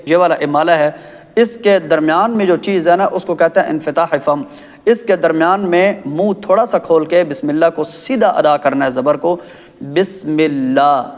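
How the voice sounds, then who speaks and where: A male Quran recitation teacher with a Pakistani Urdu accent and a fairly high voice, drawing out each word as he demonstrates. He keeps checking that his listeners follow along. His voice carries a long reverb, as if he were in a hall. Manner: drawn-out demonstrations, frequent "theek hai?" checks. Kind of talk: tajweed lesson with chanted recitation.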